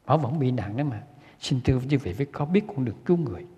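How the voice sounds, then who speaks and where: A Buddhist lay teacher delivers an earnest sermon, repeating himself and posing rhetorical questions to his audience. His mid-range voice is very fast, lively in intonation, dark and a bit breathy. The recording is dull and lo-fi, with a long hall reverb.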